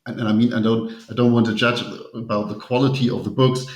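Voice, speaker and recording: A German man, a native speaker, is an interview guest speaking English in a conversational exchange. He explains his publishing work earnestly, choosing his words with care, in a mid-range voice with flat delivery and a quick pace. The recording sounds roomy and echoing.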